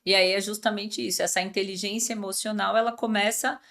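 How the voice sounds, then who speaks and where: A woman's voice: mid-range voice, steady tone, fairly quick, fairly bright tone. A Brazilian woman hosting a podcast, agreeing with her guest and asking follow-up questions. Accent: Brazilian Portuguese. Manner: affirming, asks follow-up questions. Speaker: podcast host. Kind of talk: conversational podcast interview.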